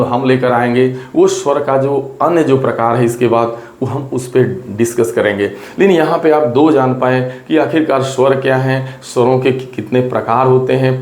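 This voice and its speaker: A man teaching an exam-prep grammar lesson in a middle-pitched voice. He goes step by step, repeats his points and talks straight to his students. The room sounds echoey around him. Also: a little mellow. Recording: roomy echo.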